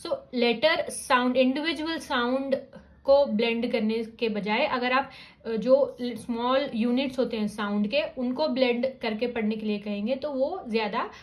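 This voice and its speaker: A woman explains how to read words, slowly sounding out syllables and mixing two languages. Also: fairly high pitch. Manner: mixes Hindi and English, sounds out syllables slowly. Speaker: teacher guiding parents. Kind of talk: explanatory lesson.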